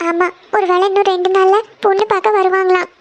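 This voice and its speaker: A woman's voice: extremely high pitch, flat delivery, fast. A woman voicing a worried young cartoon woman, the eldest sister of a struggling family, who is crying as she pours out her family's troubles in a pleading way. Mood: tearful, worried. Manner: tearful, pleading, dwells on family hardship. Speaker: elder sister who gives tuition lessons.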